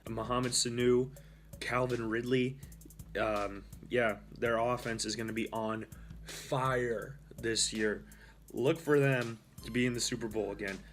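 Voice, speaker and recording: A man's voice: medium pitch, fairly even intonation, unhurried, a bit bright, soft background music. A young man hosting a casual solo sports talk show, rambling and correcting himself as he goes. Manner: rambling, with fillers and self-corrections. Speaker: host.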